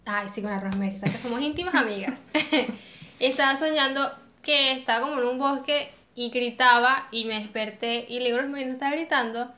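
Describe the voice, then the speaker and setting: A woman with a high, bright voice chats at a quick clip and tells lively stories, often breaking into laughter. Her voice carries a roomy echo, as if she is talking in an open space. It is relaxed, friendly banter between co-hosts. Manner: animated storyteller, laughs often. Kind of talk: casual chat.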